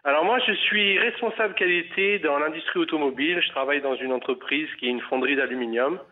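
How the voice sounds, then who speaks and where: A man's voice: on the high side, fast talker. Hesitant man on a tinny phone line. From Paris, France. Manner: hesitant, many fillers and restarts. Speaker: caller. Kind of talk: phone interview. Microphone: telephone.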